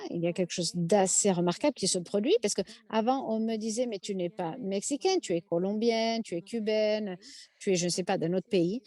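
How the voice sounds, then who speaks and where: Halting woman interpreting a video-call panel. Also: medium pitch, mellow. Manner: halting, with many fillers and restarts.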